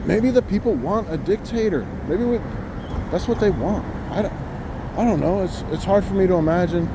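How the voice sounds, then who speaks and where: Male American vlogger, slightly higher-pitched, informal musing while walking a city street, clear traffic noise behind. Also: moderate pace. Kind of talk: casual walk-and-talk monologue. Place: outdoors on a city sidewalk, walking. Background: passing cars and trucks.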